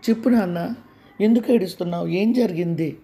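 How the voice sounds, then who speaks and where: A man's voice: on the high side, fairly even intonation, normal speed, vocal fry, warm tone. A man voicing an anxious father who coaxes and presses his sick son, urgent and raised.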